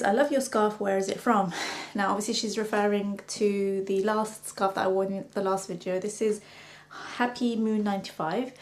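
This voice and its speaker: A young woman from London with a London accent, a makeup artist chatting casually through viewer questions with many ums. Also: medium pitch. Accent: London English. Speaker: beauty vlogger and makeup artist. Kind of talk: casual Q&A vlog.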